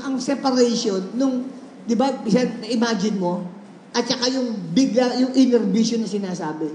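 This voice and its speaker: A man, a pastor, preaching a sermon with animated storytelling, mixing in English phrases and laughing often. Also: very high-pitched. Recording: echoey hall with faint background noise.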